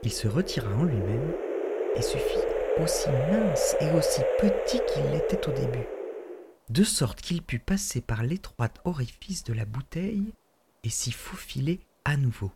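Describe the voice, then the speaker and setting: Gravelly man reading a fairy tale. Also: medium pitch, unhurried, very noisy. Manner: expressive, lively reading. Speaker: storytelling podcast host. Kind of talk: storybook narration.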